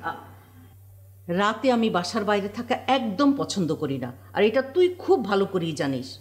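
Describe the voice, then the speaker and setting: A woman's voice: medium pitch, sing-song, moderate pace, close to an everyday voice. An actress playing a strict, firm middle-aged mother in a TV drama, giving orders to her sons. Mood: stern. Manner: firm, commanding. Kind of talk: Bangla TV drama acting.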